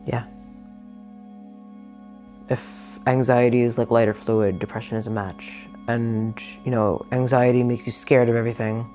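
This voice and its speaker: A man's voice: little pitch movement, a little slow, warm tone, soft background music. A man giving a frank, reflective personal account in an interview. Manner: reflective, frank, low-key. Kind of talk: candid personal testimony.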